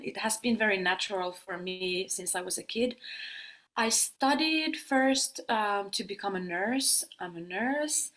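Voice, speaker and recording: Answering interview questions in a relaxed way, this yoga teacher and sound healer from Finland, probably in her thirties, laughs a lot and fills her pauses. She speaks in a mid-range voice that's a bit bright.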